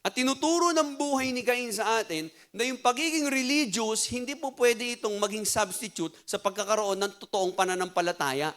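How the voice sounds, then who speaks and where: Filipino pastor preaching, pretty high voice, chatty, goes back and forth between tagalog and english. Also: male voice, moderate pace, few pauses. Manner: mixes Tagalog and English, animated and conversational. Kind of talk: sermon.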